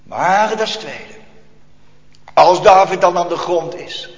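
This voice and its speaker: A man preaching a fervent sermon in a somewhat high voice, his delivery swinging between loud outbursts and hushed, near-whispered passages. The recording is dull and lo-fi, and a long reverb rings through the church. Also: measured pace. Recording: echoey church hall, dull lo-fi.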